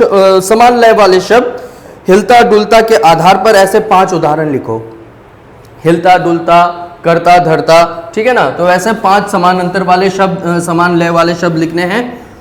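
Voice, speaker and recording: High-voiced male teacher in an echoey room. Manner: asks questions then answers them himself; patient, repeats key words slowly. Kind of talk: classroom-style lesson. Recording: echoey room with long reverb.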